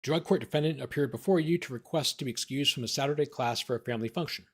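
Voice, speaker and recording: A man hosting a livestream as an attorney, reading court documents aloud and commenting casually, his voice tiring and going hoarse. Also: medium pitch, fast talker. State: losing his voice.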